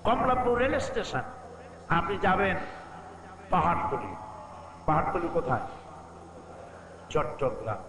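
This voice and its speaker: Male preacher, high voice, unhurried sermon delivery, echoey noisy recording of a large gathering. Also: sing-song. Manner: rhetorical questions to the crowd, chants Quran verses. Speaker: Islamic preacher. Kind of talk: Bengali waz sermon.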